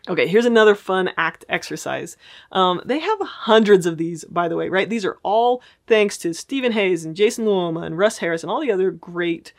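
A woman's voice: fairly low pitch, lively intonation, moderate pace. A woman therapist teaching casually, explaining ideas in a friendly way and checking in with her listeners.

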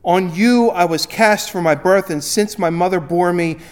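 A man's voice: high-pitched, normal speed. A male pastor preaching a sermon. He reads scripture aloud with rising emphasis, then explains it, repeating phrases and restarting as he goes.

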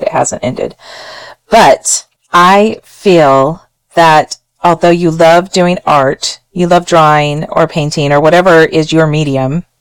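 A woman's voice: lowish voice, clear, resonant tone, no room sound, poor audio. A woman hosting a solo advice podcast, talking straight to one listener in an earnest, encouraging way. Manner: earnest, encouraging, direct address. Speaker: podcast host.

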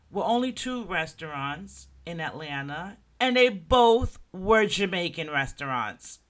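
With a high voice and a sharp tone, this solo podcast host offers casual commentary. He keeps things loose and conversational, often turning to address his listeners.

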